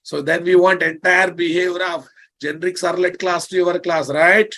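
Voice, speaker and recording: A man's voice: sits high, little pitch movement, moderate pace, bright, forceful tone. A man with an Indian accent lecturing online as a programming instructor, bluntly teasing, repeating his phrases and checking understanding with questions.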